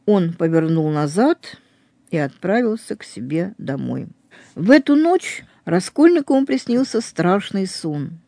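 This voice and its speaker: An earnest storyteller retells a novel, weaving in religious commentary with emphatic stress. The tone is dark and mellow, and the recording is dry and close to the mic. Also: medium pitch, very animated, a little slow, vocal fry, dry recording.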